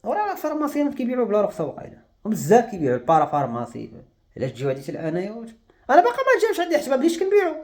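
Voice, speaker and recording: A man's voice: extremely high pitch, wildly swooping pitch, rapid-fire. A young man with a Moroccan Arabic accent, speaking to camera in an agitated, despairing rant. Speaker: vlogger. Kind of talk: emotional monologue to camera.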